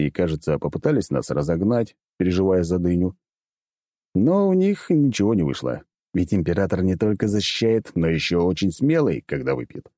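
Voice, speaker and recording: A man reading a comic first-person audiobook with wry, lively storytelling. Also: sits low, dry recording, clean studio sound. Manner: lively, wry storytelling that jumps up for shouted lines. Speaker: audiobook reader.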